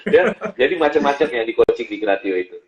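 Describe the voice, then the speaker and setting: A man, a business coach, telling stories lively in an interview and acting out the voices of the people he quotes. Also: medium pitch, fast. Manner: animated storyteller, acts out quoted voices. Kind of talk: storytelling interview talk. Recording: echoey, dull-sounding room.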